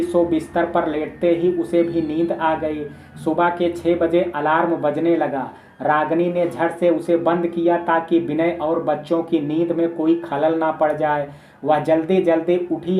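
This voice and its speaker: A man narrating a family drama story in a steady, plain storytelling voice. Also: on the high side, slight background noise. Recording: echoey room, tinny phone-like sound.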